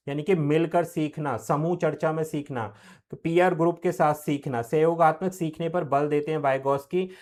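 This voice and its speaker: A young man giving an exam-prep lecture, who repeats key terms and asks questions that he answers himself. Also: a little high. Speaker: teacher.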